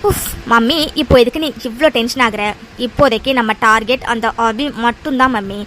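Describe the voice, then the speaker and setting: A cool-headed, scheming young woman from an animated story voiced by a woman. She brushes off worries in a breezy, dismissive tone, with a fairly high voice. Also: fairly quick, a little hiss or hum, natural voice. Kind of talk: cartoon voice acting.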